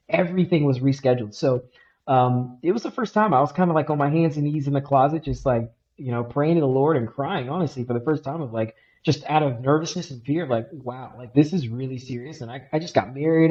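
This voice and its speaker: A man's voice: mid-range voice, mellow, lo-fi sound. A man co-hosting a podcast and telling his story in a casual, earnest way with lots of filler words. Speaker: podcast co-host.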